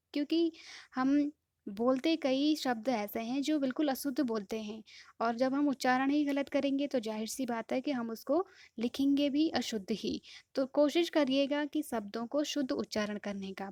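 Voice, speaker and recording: A woman teaching an exam-prep lesson in a patient way, often pausing to check that students follow. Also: sits high, darkish tone, no room sound, studio quality. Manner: patient, repeats "ठीक है" to check understanding. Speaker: Hindi teacher.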